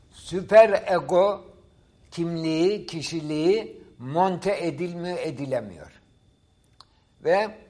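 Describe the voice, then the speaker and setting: A man's voice: a little high, darkish tone. A middle-aged man, a professor appearing as a guest, explaining ideas in a didactic, emphatic way during a talk-show discussion.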